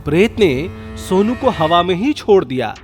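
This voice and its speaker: A man's voice: high-pitched, sing-song, moderate pace. A man narrating a ghost story in a wry, jokey scripted style. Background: music.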